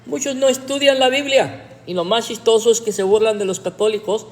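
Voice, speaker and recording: A man's voice: very high-pitched, brisk. Sarcastic preaching man, echoey room. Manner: sarcastic, with emphatic rhetorical questions. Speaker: pastor. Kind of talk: livestreamed teaching sermon.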